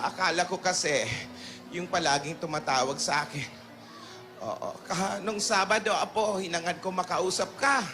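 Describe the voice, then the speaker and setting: A man doing a sweet, sentimental old grandmother in a live TV comedy skit, her voice sitting high and swooping with feeling. She talks slowly and tenderly, pleading in mixed broken English, with music playing underneath.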